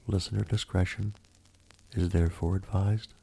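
A man hosts a true crime podcast as an ASMR narrator. His voice is very low and gravelly, with a dark, mellow tone. He phrases things like a formal, theatrical storyteller. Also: flat delivery, normal speed. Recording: faint music behind the voice. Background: faint music.

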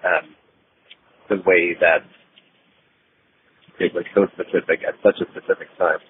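Deep-voiced man leaving a voicemail. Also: steady tone, a little slow. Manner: hesitant, many ums and uhs. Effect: leaving a voicemail over the phone. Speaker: caller. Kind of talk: recorded voicemail story. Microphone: phone. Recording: tinny phone line with faint noise.

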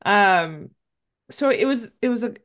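A woman's voice: mid-range voice, animated, unhurried, fairly bright tone. A woman in her thirties co-hosting a casual movie podcast, rambling with lots of "like" and "um". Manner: rambling, filler-heavy, frequent "like". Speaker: podcast co-host. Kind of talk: casual movie recap chat.

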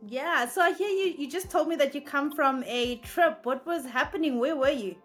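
A woman's voice: high voice, moderate pace, faint music behind. A woman hosting an interview show, asking her guest friendly, light questions. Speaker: host. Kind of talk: casual interview conversation.

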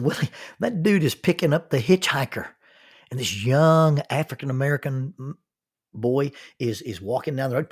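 Husky man telling a story. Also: medium pitch. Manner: folksy, unhurried anecdote with many restarts. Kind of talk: sermon storytelling.

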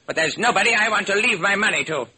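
An actor playing an eccentric old millionaire in a 1940s radio drama, bossy and gleefully wicked. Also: male voice, sits high, animated, fast talker, pushed and bright, a little hiss or hum, pitched above the performer's own voice, exaggerated voice. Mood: scheming. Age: older.

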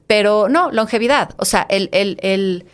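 Her mid-range voice stays unhurried as this middle-aged fitness studio founder, who has a Mexican accent, chats as an interview guest. She speaks eagerly in a casual way, frequently starting over or saying things twice.

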